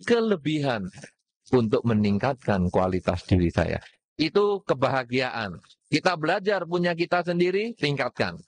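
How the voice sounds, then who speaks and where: A man giving a Buddhist Dhamma talk, putting rhetorical questions to his audience and mixing in words. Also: a little high. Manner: mixes in Javanese words.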